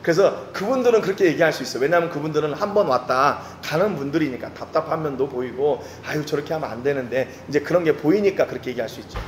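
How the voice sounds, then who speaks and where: An earnest male pastor delivers a sermon in a slightly high voice, repeating key phrases for emphasis. He speaks straight to his congregation. His voice carries a roomy echo over faint background noise. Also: lively intonation, quick pace, few pauses. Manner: addresses the congregation directly. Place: church service.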